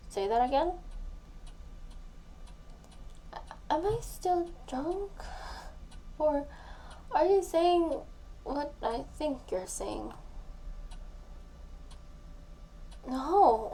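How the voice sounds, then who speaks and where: Playing a tipsy young woman who confesses her love to her best friend, a woman performs an intimate audio roleplay in a high-pitched, heavily acted voice. The mood is nervous yet hopeful, and her delivery is breathy, soft and halting, often nearly whispered, with faint noise in the background.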